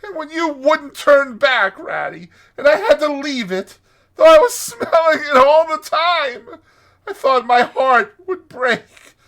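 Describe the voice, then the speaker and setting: A small, homesick mole from a storybook, pitched very high and crying. The words come out in halting, plaintive sobs, swinging widely in pitch. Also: male voice, expressive, pushed and bright, full character voice. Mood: sobbing, reproachful. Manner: sobbing, halting, plaintive delivery. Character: tearful, homesick, humble little mole. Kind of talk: dramatized storybook reading.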